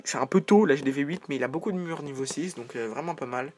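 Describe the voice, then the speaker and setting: A man's voice: mid-range voice, fast, darkish tone. A man giving casual, joking commentary over a video game, rambling into side remarks. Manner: chatty, joking, rambling asides.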